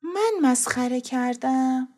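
Brief: woman voicing a timid, stammering little boy, soft and slow, for an audio story. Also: high voice. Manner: hesitant, quiet, stammering. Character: shy, timid young boy who stammers.

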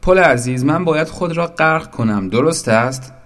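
A man voicing a small, naive wooden boat in a storybook, full of excited, eager questions. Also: lowish voice, close to an everyday voice. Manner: excited, breathless questions, shouting. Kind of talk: storybook narration.

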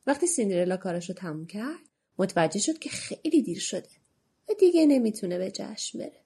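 A woman narrating a children's storybook in an expressive, animated way, with a husky voice. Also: mid-range voice.

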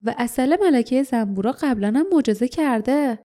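A woman doing a gently reassuring male friend. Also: fairly high pitch, lightly acted. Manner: soft, reassuring. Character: gentle male companion, consoling.

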